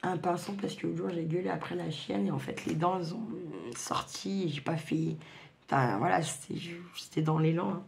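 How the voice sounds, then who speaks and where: A woman talks in a fairly low, gravelly voice, her sibilants softened by a lisp. She chats informally and bluntly, drifting from one aside to another like a craft vlogger. The recording has clear background noise. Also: moderate pace. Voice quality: lisping, slightly slurred sibilants from dental appliance. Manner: colloquial, digressive, blunt. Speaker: craft video host. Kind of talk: casual rambling chat to viewers.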